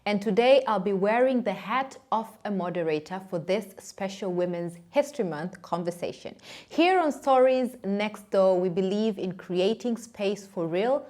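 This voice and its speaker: Woman, podcast host, panel moderator, measured, deliberate. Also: medium pitch.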